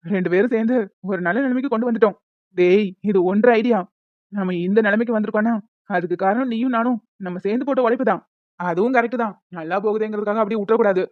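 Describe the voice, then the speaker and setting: A man's voice: high voice, fast, no echo, lightly acted. Man voicing a practical young caterer. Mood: calm. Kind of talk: animated story voice acting. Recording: tinny phone-like audio.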